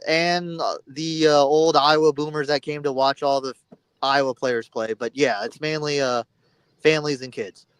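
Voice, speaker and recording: A man in his thirties, a podcast guest, telling a story in a relaxed way with many fillers. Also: a little high, moderate pace, smooth, no room sound, rough recording. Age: 30s. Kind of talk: casual podcast chat.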